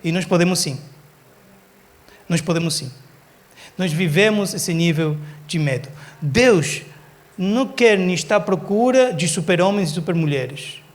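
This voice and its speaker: A man's voice: high voice, unhurried, long pauses. A man preaching a sermon in church, telling stories and acting out quotes for laughs. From Argentina. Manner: lively storytelling, acts out quotes for laughs. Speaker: pastor. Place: church service.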